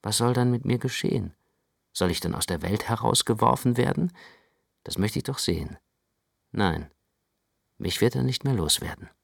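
An actor playing an anxious, introspective young man who narrates his own night walk in a literary radio play, speaking in a measured, intense way. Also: on the low side, expressive, vocal fry, slightly rough, no echo, clean studio sound, full character voice. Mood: brooding. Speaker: first-person narrator.

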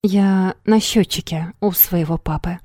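A woman's voice: fairly low pitch, fairly even intonation, unhurried, mellow, dry recording, studio quality, lightly acted. A woman reading an audiobook, voicing a weary young woman who speaks in a subdued, resigned way.

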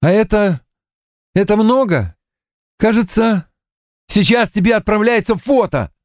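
Man playing a thrilled young new dad in an audiobook, high, shouting with joy, dry sound. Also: lively intonation, measured pace, dry recording. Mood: overjoyed. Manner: shouting with delight. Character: overjoyed young new father, shouting excitedly.

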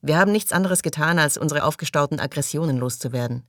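A man voicing a calm, gently sardonic male crew leader in an audiobook, speaking evenly. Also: a little high, fast, no room sound, studio quality. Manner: gentle, even, dryly mocking.

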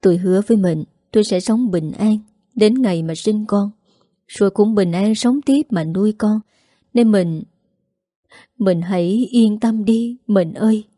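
Grieving pregnant widow in her thirties, put on by a woman narrator, Southern Vietnamese accent, tearful pleading, warm tone. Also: mid-range voice, a little slow, dry recording, studio quality, lightly acted. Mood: tearful prayer.

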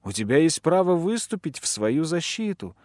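A ruthless usurping chieftain from an audiobook, played by a man who lifts his voice for him, issuing orders in a commanding, mocking tone. The voice sits a little higher and louder than plain narration. The recording is dry and close. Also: big pitch swings, moderate pace, no room sound. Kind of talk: audiobook character reading.

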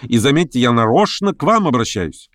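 Brief: scheming young man, pushy and sharp, voice pitched up and swinging wide, a male reader acting him. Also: big pitch swings, a little fast, dry recording, clean studio sound. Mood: needling. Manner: insistent, needling, raised voice.

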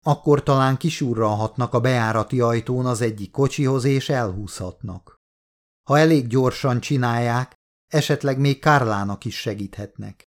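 A man reading a horror novel aloud as an audiobook narrator, steady and measured. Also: medium pitch.

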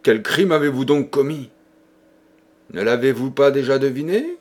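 An anxious, horrified young man presses with urgent questions, as an audiobook reader voices him. The voice stays at a middling male pitch. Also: animated, normal speed, a little mellow, natural voice. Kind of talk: audiobook reading.

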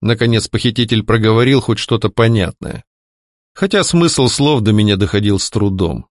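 A man reading a first-person fantasy novel aloud, in an expressive storytelling manner. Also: on the low side, normal speed, dry recording, studio quality. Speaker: audiobook reader.

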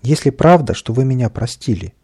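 With a husky, dark-toned mid-range voice and lively intonation, a man briskly performs a storybook character: a tiny, scruffy male creature who brags, cowers, and whines like a brat.

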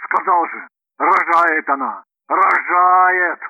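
A man voicing a panicking businessman who shouts desperately and snaps rudely. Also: high-pitched, lively intonation, measured pace, no echo, dull audio, voice pushed up, exaggerated voice. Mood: frantic, shouting. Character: panicking middle-aged male businessman, rude and frantic.

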